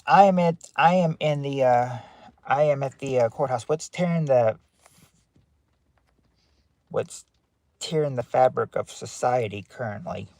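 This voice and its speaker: An upbeat man runs a casual game show on a livestream, calling out answers and greeting viewers by name. His voice sits at an ordinary middle pitch. The sound is dry and close, recorded inside a parked car. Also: a little slow, pauses often, a little mellow, no echo.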